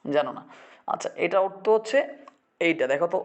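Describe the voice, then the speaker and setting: A man's voice: on the high side, expressive, a little fast, highs cut off. A male English teacher from Bangladesh drilling vocabulary in a classroom, repeating words and quizzing his students.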